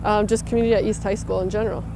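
A woman's voice: medium pitch, level tone, very fast. A woman in her thirties, a teacher, talking casually in an on-camera interview outdoors. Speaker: high school teacher and club sponsor. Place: outdoors in a snowy open plaza. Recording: clear outdoor background noise.

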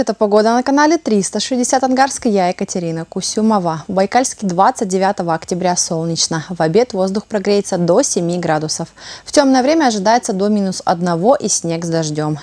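Upbeat woman weather presenter, low voice. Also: mellow. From Russia. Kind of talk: scripted weather forecast.

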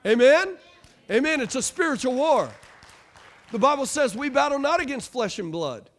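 A man, preaching a lively call-and-response sermon from a church stage. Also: extremely high pitch, normal speed. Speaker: pastor. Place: church stage, large room.

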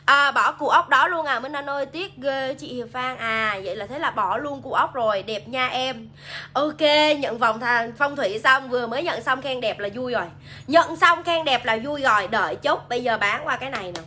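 A woman's voice: high voice, normal speed, sharp tone, slight background noise. A woman with a Southern Vietnamese accent, hosting a chatty live sales stream, reading viewer comments aloud and pushing products. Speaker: livestream seller. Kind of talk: casual live sales pitch.

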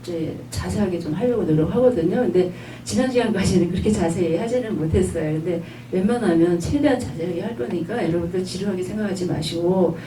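A woman's voice: on the low side, distant mic. Woman, lecturer, patient and repetitive, echoey room, faint hum. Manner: patient, repeats instructions, models drawn-out sounds. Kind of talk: online lifelong-learning lecture.

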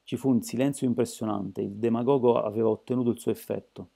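Male narrator for an amateur audiobook, measured reading, dark gravelly tone. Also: mid-range voice, steady tone.

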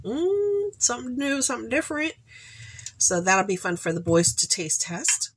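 A husky, fairly high voice with lively intonation at normal speed belongs to a forty-something woman who sounds congested. As host of her shopping haul channel, she chats to camera indoors from a home room with shelves, chatty and rambling with cheerful side comments.

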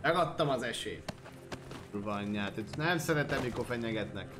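A man's voice: mid-range voice, animated, music in the background. A man streaming a game and commenting casually, joking, swearing and chatting to his horse and viewers.

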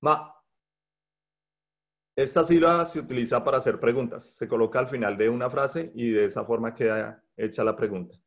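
A man teaches a language workshop over a video call. His voice sits at a middle pitch and he talks with frequent fillers and restarts. The computer mic gives a dull, lo-fi sound. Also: fast talker, few pauses. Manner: patient, with many hesitations and fillers. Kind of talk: online workshop lecture. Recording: dull lo-fi online call audio.

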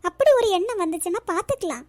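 Cartoon role: earnest, devoted young woman with a very high, soft voice, voiced by a woman. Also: lively intonation, quick pace. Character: gentle young village woman, devoted to her grandmother. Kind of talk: cartoon voice acting.

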